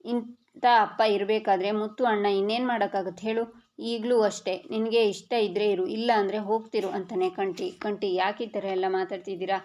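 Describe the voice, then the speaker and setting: A woman narrating a TV serial episode recap, reading every character's lines in an even storytelling voice. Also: medium pitch, normal speed. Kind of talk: reading a serial recap aloud, voicing all dialogue. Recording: dull lo-fi audio.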